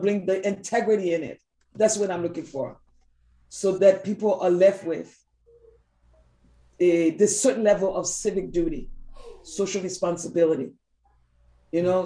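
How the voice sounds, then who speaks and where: Her voice fairly low and mellow, a team coach talks at normal speed with long pauses. English is her second language, and in this relaxed conversational interview she is earnest and emphatic, coming back to her key phrases. The space has a noticeable echo.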